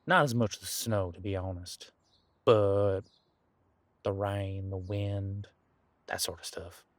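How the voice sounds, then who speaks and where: A man speaks slowly in a low voice with fairly even intonation, recorded dry. Playing a coastal demon detective thousands of years old, he chats easily and folksily to an unseen listener, relaxed and reflective, in a one-sided audio roleplay.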